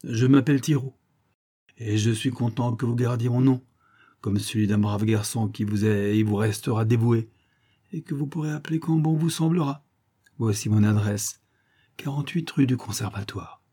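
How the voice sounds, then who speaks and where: A man's voice: medium pitch, normal speed, warm tone, natural voice. A man reading the part of a grateful, earnest phonograph operator in a storybook.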